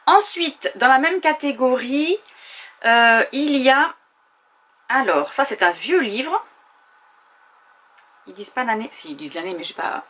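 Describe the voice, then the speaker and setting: A woman vlogger talking at an easy, unhurried pace in a fairly high voice. She chats casually at home and thinks aloud, with small hesitations as she goes. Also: animated, fairly bright tone. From France. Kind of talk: casual chat.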